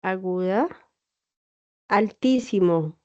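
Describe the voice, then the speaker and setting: A woman's voice: mid-range voice, extremely slow, dark tone. A woman teacher giving an online class, explaining patiently and checking in with her students. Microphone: computer mic on a video call. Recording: dull lo-fi video call audio.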